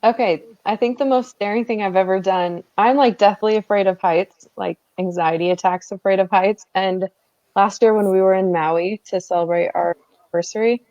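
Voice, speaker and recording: A woman's voice: medium pitch, steady tone, moderate pace, a little mellow, dry recording, highs cut off. A woman chatting on a video call, telling a story and laughing at her own fears. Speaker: author and group admin. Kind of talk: casual video call chat.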